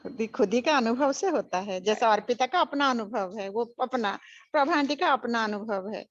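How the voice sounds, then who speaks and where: A woman's voice: a little high, expressive, moderate pace. An older woman giving a spiritual teaching, emphatic and repetitive, mixing English phrases into her talk. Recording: dull lo-fi recording.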